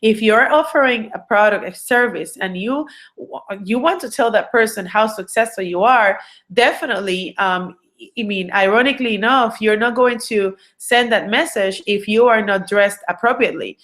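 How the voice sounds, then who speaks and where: With a medium-pitched, slightly bright voice at normal speed, a recruiting coach from Puerto Rico gives an online training. She speaks Spanish as her first language, has a Puerto Rican Spanish accent, and comes across as earnest, often using fillers and restarting her sentences.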